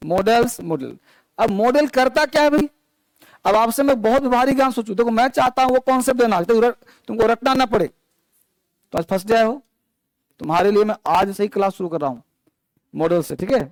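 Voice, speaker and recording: A man's voice: very high-pitched, moderate pace, long pauses, dry recording. A man teaching an English grammar class to students in a classroom, talking straight to them and asking the class questions as he explains. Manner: addresses students as children, asks the class questions. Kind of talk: classroom lecture. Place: classroom with students, also streamed online.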